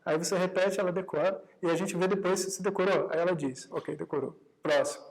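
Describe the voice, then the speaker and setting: A man's voice: high voice, fairly even intonation, fast talker, poor audio. Man teaching a meditation workshop. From Brazil. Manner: conversational, often adds tag questions to the audience; acts out quoted dialogue in his own talk. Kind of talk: live workshop lecture.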